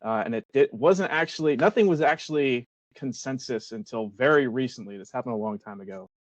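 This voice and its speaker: Male co-host, halting casual delivery, muffled dry recording. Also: mid-range voice, no room sound. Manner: hesitant, many "uh" and restarts. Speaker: podcast co-host; military veteran. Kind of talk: casual podcast chat. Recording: dry, dull lo-fi mic.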